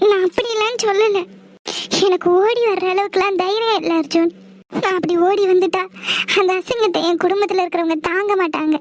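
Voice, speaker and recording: A woman's voice: very high voice, a little fast, no echo. A woman voicing a timid young woman in a cartoon, pleading and tearful, torn between her lover and her family. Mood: anxious. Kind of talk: cartoon voice acting.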